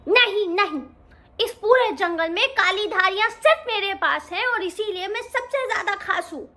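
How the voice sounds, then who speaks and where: A woman's voice: very high voice, lively intonation, moderate pace, sharp tone, full character voice. A woman voicing a boastful, whiny little male lion cub in a children's story. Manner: bragging, then sobbing and sulky.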